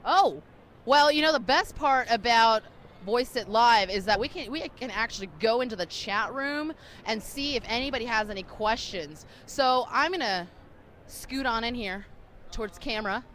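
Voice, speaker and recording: A woman's voice: fairly high pitch, normal speed, fairly bright tone, a little hiss or hum. A woman hosting a casual, playful interview outdoors at a fan convention, teasing her guest and joking with the viewers. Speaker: interview host.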